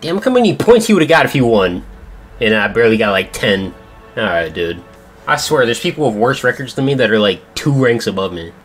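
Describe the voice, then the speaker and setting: A man's voice: medium pitch, very animated, brisk. A young man giving casual commentary on his own video game matches in a slangy, profane, sarcastic way, with frequent swearing. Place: indoors at a gaming setup in a dim room. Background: game music.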